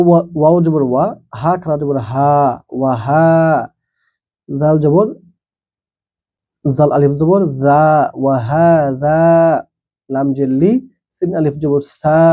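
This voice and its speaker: A man's voice: a little high, lo-fi sound. A man teaching Quran reading who spells out each letter and vowel mark, then blends the syllables, with plain explanatory asides between the drills.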